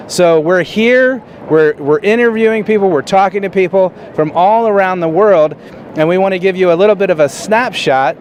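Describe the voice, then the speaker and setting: A man's voice: a little high, a little hiss or hum. A man hosting street interviews, asking passers-by the same questions in a plain, hesitant way with frequent fillers and restarts. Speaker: street interviewer and show host. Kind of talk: street interviews and direct-to-camera intro.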